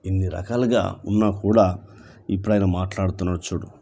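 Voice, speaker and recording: A man with a Telugu accent preaches an evening sermon in a low, mellow voice. He reads scripture in a slow, emphatic way, repeating key phrases and pressing each line home to his listeners. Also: fairly even intonation. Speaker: pastor. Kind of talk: sermon reading and expounding scripture.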